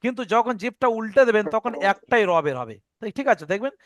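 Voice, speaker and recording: A man's voice: high voice, expressive, fast talker, dry recording, clean studio sound. A man teaching how Arabic letters are pronounced, patient, repeating his points, sounding out each letter and often checking that the learners follow. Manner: demonstrates sounds aloud. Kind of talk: Arabic letter pronunciation lesson.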